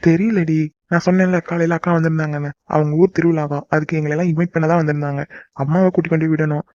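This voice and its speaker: A man voicing a gentle young man in a cartoon, soothing and teasing his crying sweetheart. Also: a little high, level tone, quick pace, no echo, close to an everyday voice. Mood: teasing casual. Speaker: voice actor. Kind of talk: cartoon love-story dialogue. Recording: dull lo-fi dry recording.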